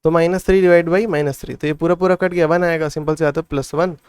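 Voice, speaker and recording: Man, maths tutor, thinking aloud, smooth resonant voice, dry close sound. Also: on the high side, fairly even intonation, fast, a little mellow, no echo. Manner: thinks aloud, frequent "theek hai" checks. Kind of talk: solving textbook problems step by step.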